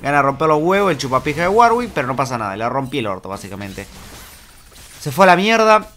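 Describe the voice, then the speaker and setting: A young man with an Argentine accent giving fast, excitable gameplay commentary, explaining moves and swearing casually as he plays. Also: mid-range voice. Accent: Argentine Spanish. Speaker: gaming YouTuber.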